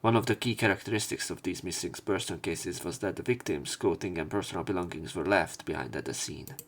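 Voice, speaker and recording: Reading a visual novel's narration out loud for a let's play, a man with a low voice drops in hesitant, offhand remarks and keeps correcting himself.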